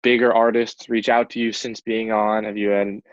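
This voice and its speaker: A man's voice: fairly low pitch, flat delivery, moderate pace, no room sound, lo-fi sound. A man co-hosting an interview, asking questions and making dry joking asides. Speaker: co-host. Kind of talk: casual interview chat.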